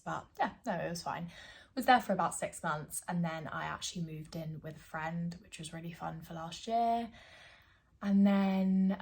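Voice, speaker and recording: Chatty young woman, lowish voice. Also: creaky. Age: 20s. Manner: chatty, giggly, many fillers. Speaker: vlogger. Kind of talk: casual chat to camera. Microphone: phone camera.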